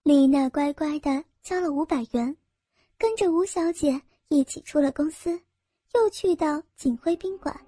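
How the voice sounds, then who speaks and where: High-voiced woman story narrator. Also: moderate pace, no room sound, clean studio sound. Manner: steady, descriptive storytelling.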